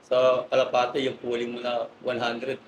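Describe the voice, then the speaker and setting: A man recounts stories as a guest, animated and laughing as he goes. His speech stays polite, with respectful address to his host. His pitch sits in the middle, with a faint hiss behind him. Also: normal speed, poor audio. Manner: animated anecdotes, laughing often; polite, says "po" and "sir". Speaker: guest pigeon racer. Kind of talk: casual storytelling interview.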